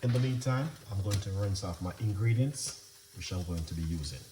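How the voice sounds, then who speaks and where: A man with a soft, quiet voice, hosting a casual cooking demonstration and chatting unhurriedly with plenty of fillers. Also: lively intonation, fairly quick, reverberant, far from the mic, background noise. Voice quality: soft, low-volume voice. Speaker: recipe channel host.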